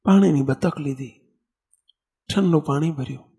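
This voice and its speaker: A man with a Gujarati accent giving a sermon as a monk, telling a story in an animated way and acting out the characters' lines. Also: on the high side, a little slow, breathy edge.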